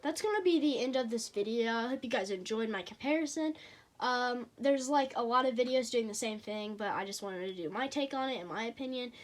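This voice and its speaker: With a childlike high voice, a teenager casually talks through a review of toy figures, pausing frequently and leaning on fillers in a hesitant manner.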